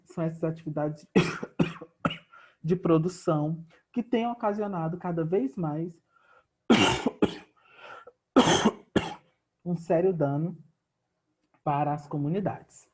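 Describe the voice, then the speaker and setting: A man's voice: high-pitched, slightly rough. A man with a Brazilian Portuguese accent and a sore throat, coughing often as he patiently teaches a geography lesson he records at home for his students. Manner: patient, explanatory, addresses students directly. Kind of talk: recorded remote class lesson.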